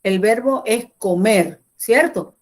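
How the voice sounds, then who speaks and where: Slow, methodical woman teacher. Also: a little high. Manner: explains step by step, repeats key points. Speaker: Spanish teacher. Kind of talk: classroom grammar lesson.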